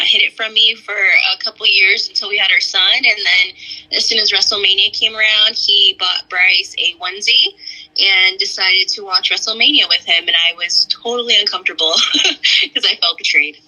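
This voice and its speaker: A woman's voice: medium pitch, steady tone, moderate pace, sharp tone, rough recording. A woman guest on a casual podcast, sick and throaty, hesitant and polite with many ums.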